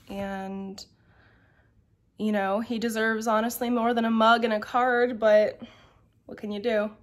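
A young woman chatting to camera from her bedroom at home, meandering and filling her talk with ums and likes. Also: mid-range voice. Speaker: vlogger. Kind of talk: casual chat to camera.

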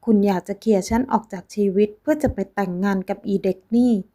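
A woman voicing a shrill, jealous pregnant ex-lover who shrieks her accusations in a storybook reading. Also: steady tone, fast, dark tone, close to an everyday voice. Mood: shrill accusing.

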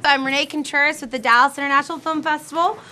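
Bright woman promoting a festival. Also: high-pitched, steady tone, quick pace, a little hiss or hum. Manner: enthusiastic, promotional. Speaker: film festival representative. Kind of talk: promotional address. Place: outdoors on a street.

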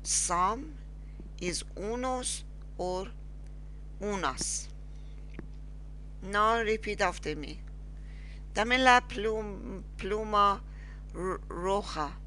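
A woman with as her teaching a beginners' lesson, halting and repeating words slowly. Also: medium pitch, bright, forceful tone, a little hiss or hum. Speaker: language teacher. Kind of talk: slow screen-recorded lesson.

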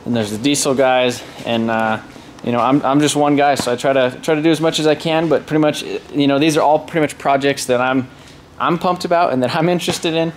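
Holding a camera at arm's length, a man in his thirties records a casual walkaround vlog about cars, first on an outdoor salvage lot and then in a garage shop. He has a medium-pitched voice and rambles with plenty of ums and restarts, over slight background noise.

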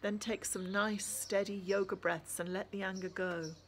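A woman reading as a calm, caring woman. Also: mid-range voice, moderate pace, a little hiss or hum, natural voice. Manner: calm, soft, reassuring.

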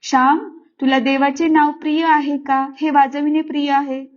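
A wise village mother, read by a woman, steady and firm as she corrects her son. Her voice sits high and the recording sounds slightly muffled. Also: normal speed, natural voice. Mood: questioning. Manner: calm, firm admonishing. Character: village mother, stern yet calm and wise.

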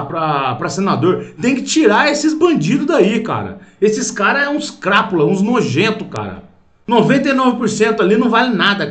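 An indignant man with a Brazilian Portuguese accent delivers a slow, repetitive rant, dropping swear words and calling everyone "cara." His voice sits high for a man. It rings around an echoey room. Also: a bit bright. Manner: indignant, profane, keeps saying "cara". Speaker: political video commentator. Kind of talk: angry rant to camera.

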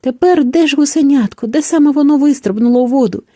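A woman's voice: high-pitched, fast, dark tone, no echo, studio quality, voice pushed up, natural voice. A woman voicing an anxious, protective father gander in a storybook reading, speaking with worried urgency. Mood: desperate.

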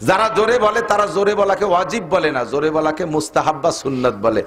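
A man's voice: a little high, a little fast, a bit bright. Echoey joking Bangladeshi preacher man. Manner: argumentative, joking, rhetorical questions to the crowd. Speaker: Islamic preacher. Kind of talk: sermon at a religious gathering.

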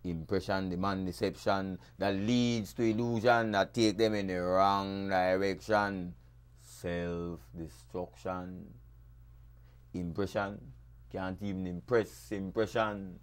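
A man with a Belizean accent reciting dub poetry in a rhythmic, rhyming delivery with sharp swings in loudness. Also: low voice. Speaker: dub poet.

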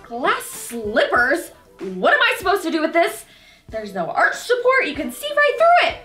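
A woman acts out a haughty fairy villainess in a campy kids' parody sketch. She is high-pitched and sharp, scheming and imperious, with theatrical menace. Music plays behind her. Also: sing-song, measured pace, full character voice. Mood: haughty, scornful. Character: haughty scheming evil fairy disguised as a sweet princess.

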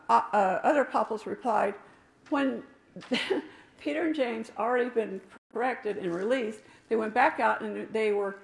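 An older woman with a gravelly, slightly high voice preaches a sermon emphatically, tossing asides to the people in the pews. The recording carries the roomy echo of a church sanctuary.

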